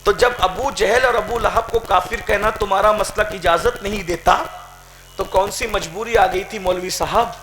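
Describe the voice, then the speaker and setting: A man preaching an impassioned sermon, swinging from shouted climaxes to quiet questioning. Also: high-pitched, slight background noise. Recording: echoey hall with crowd.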